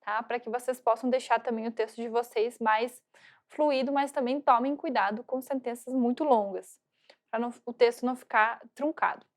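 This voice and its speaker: Woman teaching English online, high voice, keeps checking in with "ok?". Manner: slow drawn-out repeated pronunciation drills; frequent check-ins with "tá?" and "ok?". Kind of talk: recorded online lecture.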